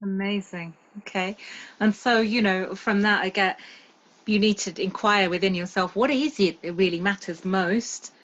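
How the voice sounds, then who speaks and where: A woman's voice: mid-range voice, moderate pace, dull audio. A woman hosting an interview over a video call, mostly giving short encouraging replies. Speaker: host.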